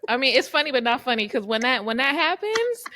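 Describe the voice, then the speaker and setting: A woman's voice: high voice, sing-song, brisk, pushed and bright, dry recording. A woman co-hosting a podcast, chatting casually in an easygoing way and laughing along. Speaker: podcast co-host. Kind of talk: casual chat.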